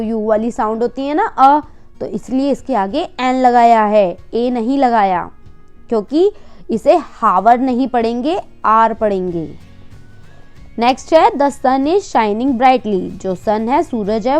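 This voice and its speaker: Slow, patient woman teacher with Indian accent. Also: on the high side, darkish tone. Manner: slow, patient explaining, reads English sentences very slowly. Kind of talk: worksheet lesson explaining English grammar in Hindi.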